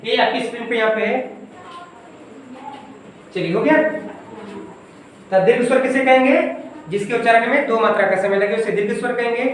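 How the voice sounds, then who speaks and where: A woman's voice: a little high, normal speed, long pauses, a little hiss or hum. A woman teaching a grammar lesson in a coaching class. She asks the class questions and then answers them herself. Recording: echoey room, from far off.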